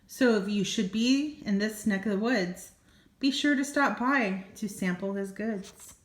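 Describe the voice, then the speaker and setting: A grandmother reads a children's story aloud expressively, pausing for small asides, and the room around her echoes. She has a mid-range voice and keeps a measured pace.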